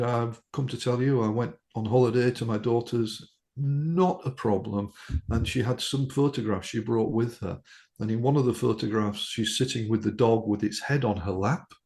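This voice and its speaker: A man's voice: fairly low pitch, vocal fry, a little mellow. A man, a hypnotherapist, telling a case story on a podcast in an anecdotal way, with frequent ums and restarts.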